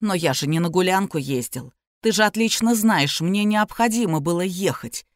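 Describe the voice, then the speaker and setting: A woman doing a hoarse anxious businessman. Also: fairly low pitch, lively intonation, normal speed, no echo, studio quality, natural voice. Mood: pleading. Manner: hoarse, pleading and shouting by turns. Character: anxious middle-aged businessman father.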